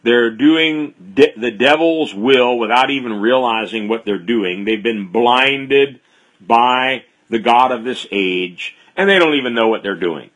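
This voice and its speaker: A man's voice: medium pitch, a little slow, a bit bright. A man preaching an expository sermon, reading scripture aloud with bold, emphatic stress.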